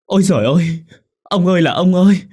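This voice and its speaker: Audio drama: male narrator voicing a loud, wailing older mother; high and strained. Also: quick pace, husky. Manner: loud sobbing wails. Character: grieving peasant mother, older woman, wailing.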